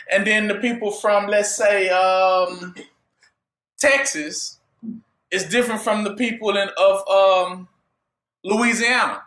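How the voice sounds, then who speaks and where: A man's voice: sits high, a bit bright, roomy sound. A man preaching a sermon, drawing his listeners in with rhetorical questions he leaves for them to finish. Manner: call-and-response rhetorical questions.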